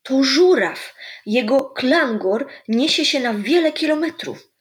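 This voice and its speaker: A woman's voice: high-pitched, animated, unhurried, pitched above the performer's own voice. A woman doing a kind, patient old grandpa. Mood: gentle. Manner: gentle, coaxing, explaining.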